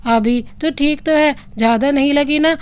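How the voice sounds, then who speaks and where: A woman's voice: sits high, normal speed, lightly acted. A woman voicing a middle-aged mother who fusses with concern over her son. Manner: fussing, concerned.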